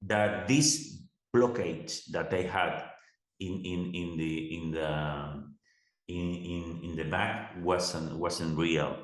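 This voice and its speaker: Halting non-native man, low and echoey. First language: not English. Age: middle-aged. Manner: searches for English words as if translating in his head, halting and repeating. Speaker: interviewer and CBT therapist. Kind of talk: conversational interview. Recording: echoey room sound.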